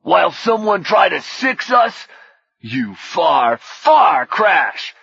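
A man's voice: high-pitched, big pitch swings, slow, creaky, sharp tone, breathy edge, no room sound, pitched above the performer's own voice, exaggerated voice. A man voicing an aggressive male battle robot that talks in clipped street slang. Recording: dull dry studio recording.

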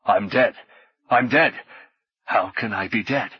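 A man's voice: lowish voice, takes it slowly, husky, no room sound, muffled recording, full character voice. A man voicing a brash barbarian swordsman, blurting out indignant, disbelieving outbursts. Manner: incredulous outbursts.

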